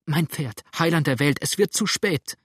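A man's voice: fairly high pitch, a little slow, fairly bright tone, slightly rough, dry recording, clean studio sound, pitched above the performer's own voice. A man voicing a frightened young woman who pleads in breathless, urgent bursts, in an audiobook reading. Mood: frantic pleading.

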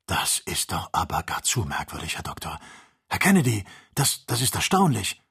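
Excitable young servant , read by a husky man, audiobook, exclaiming. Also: low-pitched, moderate pace, far from the mic, exaggerated voice. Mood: astonished. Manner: astonished, exclaiming.

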